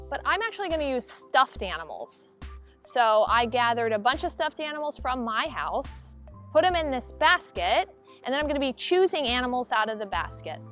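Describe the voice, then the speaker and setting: Woman, teacher, high voice, upbeat, kids' video lesson, faint music behind. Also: fairly bright tone. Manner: clear, upbeat, demonstrating as she hops. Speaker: elementary school teacher.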